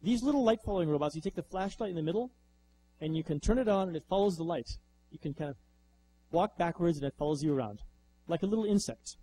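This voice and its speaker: Lively male lecturer with a mellow voice. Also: fairly high pitch, quick pace, a little hiss or hum, poor audio. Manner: lively, conversational, rhetorical questions. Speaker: author giving a talk. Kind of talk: lecture with slides.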